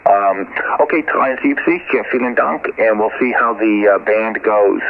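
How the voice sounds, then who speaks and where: A man's voice: fairly low pitch, measured pace, creaky. A man working as an amateur radio operator, making a ham radio call and spelling call signs in the phonetic alphabet with many fillers. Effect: shortwave radio transmission. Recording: tinny radio band with faint static.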